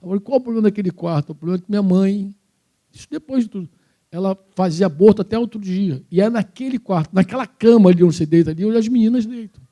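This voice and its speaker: A male pastor with a Brazilian Portuguese accent delivers a sermon in a church. He tells his story in an animated, informal way full of slang. His voice is high for a man, with a dark, mellow tone. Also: fast, dull audio.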